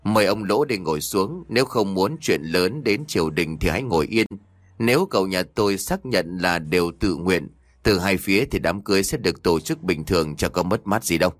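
A man voicing a calm male servant delivering a warning in a spoken story. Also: low-pitched, a little fast, no room sound. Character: cool threatening male servant.

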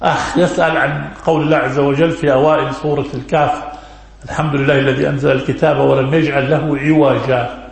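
Scholar in a very echoey hall. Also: male voice, medium pitch, little pitch movement, quick pace, gravelly. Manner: repeats key words and quizzes listeners. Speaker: religious scholar answering questions. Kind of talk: religious lesson. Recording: very echoey room.

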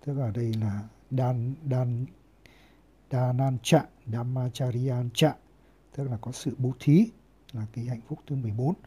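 A male monk teaching scripture in a very dark, mellow voice with a husky, breathy edge. He moves slowly through each term, pausing often on fillers and carefully sounding out the foreign words before explaining them. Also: medium pitch, fairly even intonation. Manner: unhurried, many filler pauses, carefully sounds out foreign terms. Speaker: Buddhist monk teaching Pali. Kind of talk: word-by-word scripture lesson.

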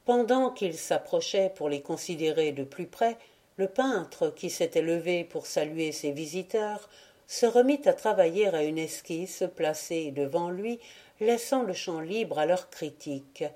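A woman reading a classic tale aloud as an audiobook narrator, measured and lightly voicing the characters. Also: fairly low pitch, expressive, dark tone. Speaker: audiobook reader.

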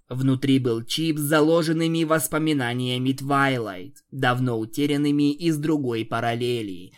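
Plain-voiced fan-story reader. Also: mid-range voice. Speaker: audiobook reader. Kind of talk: reading a first-person fan story aloud.

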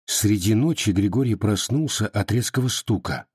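A man narrating a novel as an audiobook, with expressive storytelling. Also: fairly low pitch, normal speed, slightly rough, no echo, studio quality.

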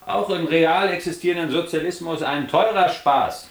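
In a radio play, a man portrays a wry, bookish East German drinker, telling stories in both narration and dialogue with mock-learned irony and a dreamy, wry mood. His natural voice is a little high, at a moderate pace, with reverberation.

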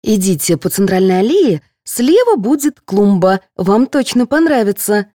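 A woman voicing a kindly, fussing head nurse who coaxes and gently scolds a patient. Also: medium pitch, very animated, normal speed, dry recording, clean studio sound, pitched above the performer's own voice, lightly acted. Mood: coaxing.

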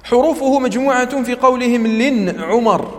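A man teaching tajweed to a class. He repeats key terms, quizzes his students and recites Quranic words slowly as examples. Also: extremely high pitch, big-room sound. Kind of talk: classroom lecture.

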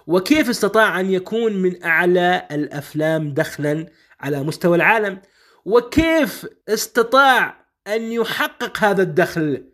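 A man with a Syrian Arabic accent gives an explanatory talk with a slightly high voice. He goes over each point more than once and turns often to the listener to keep their attention. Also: a bit bright. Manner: explains slowly, repeats points, addresses the listener directly. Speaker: founder of a publishing house, presenter.

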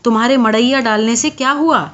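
A woman's voice: fairly high pitch, a bit bright, lightly acted. A woman voicing a farmer's wife who scolds her husband in a told story. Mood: scolding. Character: scolding peasant wife, worried and sharp. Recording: dull lo-fi audio.

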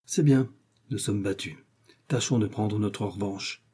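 Man playing a cold cardinal, probing, commanding, low voice, husky. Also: measured pace, warm tone. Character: cold, powerful male cardinal questioning a prisoner.

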